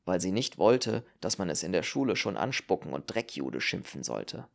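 A man's voice: low-pitched, sing-song, moderate pace, creaky, pitched below the performer's own voice, full character voice. A man voicing a world-weary, cynical male politician with dry, sardonic remarks in an audiobook. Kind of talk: audiobook character reading.

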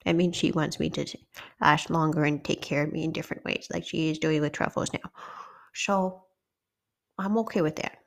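A woman's voice: fairly even intonation, normal speed, gravelly. Christmas Koala, a woman doing a cheerful girl koala. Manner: high, sweet, childlike chatter. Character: chatty little girl koala toy, cheerful.

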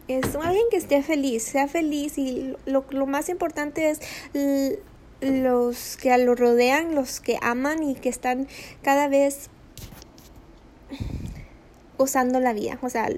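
High-voiced woman rambling on her podcast. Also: a little mellow, a little hiss or hum. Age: middle-aged. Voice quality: high, girlish voice. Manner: rambling, full of "o sea" fillers, switches into English. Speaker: podcast host. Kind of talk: casual motivational monologue.

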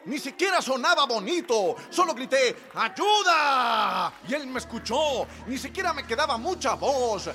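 A man preaching a sermon in a church, joking and conversational, swinging from soft asides to shouted peaks. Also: very high-pitched, very animated, normal speed, hardly any pauses, faint music behind. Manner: jokey and conversational. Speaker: pastor.

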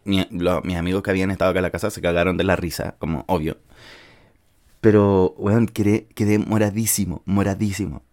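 A man's voice: low voice, steady tone, brisk, a little mellow. A young man with a Chilean accent, telling a story casually in slang-filled speech. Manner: informal and slangy, with frequent filler words. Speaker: vlogger.

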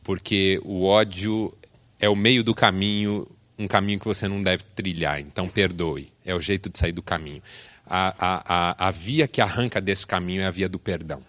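A male pastor preaching a sermon, telling stories and acting out scenes, building to loud bursts. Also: low-pitched, steady tone, normal speed, no echo.

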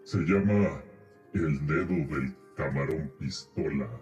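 A man with a very low voice plays his character in a tabletop game. He jokes around in character. Music plays clearly behind him. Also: slow, darkish tone. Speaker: player. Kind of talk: casual tabletop chat.

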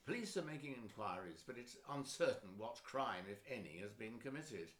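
A man's voice: mid-range voice, big pitch swings, fairly bright tone. A man as a formal TV newsreader. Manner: measured broadcast delivery. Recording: roomy echo.

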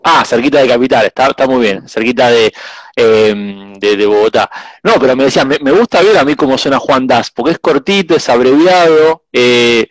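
A man with an Argentine Spanish accent hosting a podcast interview, pausing often with repeated words and fillers. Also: mid-range voice, expressive, no room sound, poor audio. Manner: warm-hearted, hesitant with many eh and repeated words. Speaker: podcast host. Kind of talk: casual interview chat.

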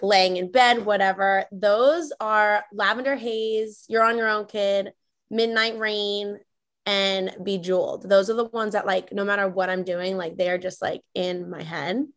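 Female podcast guest, mid-pitched voice, casual chat over a video call. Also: a bit bright.

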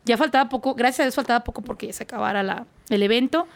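A woman's voice: a little high, very fast, gravelly. A Mexican woman, a singer and podcast guest, telling stories casually and acting out voices and sound effects.

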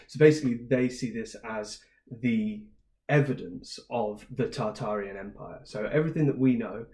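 A man co-hosts a loose podcast chat, talking at a middle pitch. He rambles his way through explanations and laughs easily. His voice bounces around a roomy, echoey space. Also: normal speed, warm tone. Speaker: podcast co-host. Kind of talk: casual chat.

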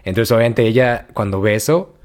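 A young man with a Mexican Spanish accent, telling a story in a slangy, animated, casual podcast chat. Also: lowish voice, brisk. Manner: slangy, animated, acts out quotes. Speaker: podcast host.

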